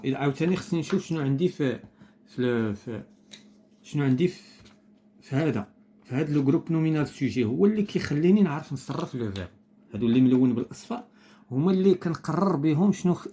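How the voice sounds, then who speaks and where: A man with a Moroccan accent explaining a primary school lesson, slowing down to spell out phrases carefully. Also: fairly high pitch, animated, warm tone, a little hiss or hum. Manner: switches between Moroccan Arabic and slow, deliberate French. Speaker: teacher.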